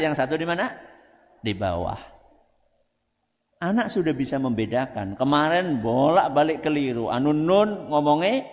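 A man with a Javanese accent, an ustaz giving an animated religious talk to parents, often asking the audience rhetorical questions. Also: fairly high pitch. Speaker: ustaz, Islamic preacher. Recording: reverberant hall.

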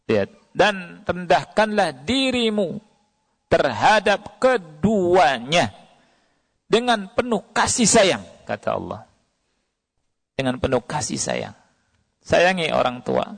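A man's voice: sits high, big pitch swings, slow pace, creaky, long pauses. A man preaching a sermon, reciting Arabic verses and asking the audience questions. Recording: long hall reverb.

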